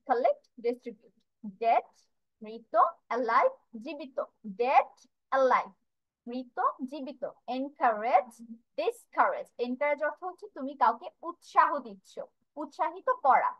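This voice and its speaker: A woman's voice: sits high, no echo, highs cut off. A woman teacher gives an online vocabulary lesson, drilling English word pairs and explaining them in over a video call. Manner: switches between English and Bengali explanations.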